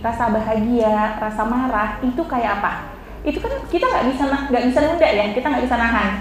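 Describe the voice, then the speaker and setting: A woman giving a lively, interactive mental health talk to teenagers, often asking the audience questions. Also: a little high. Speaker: seminar speaker on mental health. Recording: echoey hall with faint noise.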